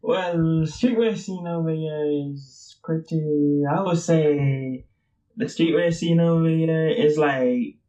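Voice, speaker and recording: A man's voice: a little high, slow pace, dark tone, highs cut off. A man in his twenties from Brooklyn, New York, answering interview questions in a loose, rambling way full of fillers and casual swearing. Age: 20s. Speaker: streetwear brand founder and guest.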